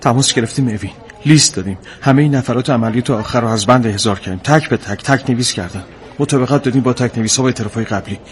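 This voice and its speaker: A man's voice: medium pitch, slight background noise, lightly acted. An actor playing a male security officer who defers to his commander and explains what went wrong. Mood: explaining. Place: hospital corridor.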